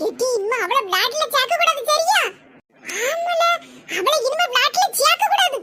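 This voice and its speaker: A performer voicing bickering small village children in a cartoon, with a Tirunelveli-Kanyakumari Tamil accent and a shrill, teasing manner. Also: lively intonation, moderate pace. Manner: shrill, squabbling, teasing banter. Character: bickering small village kids, boy and girls. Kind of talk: cartoon voice acting. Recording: noisy cartoon audio.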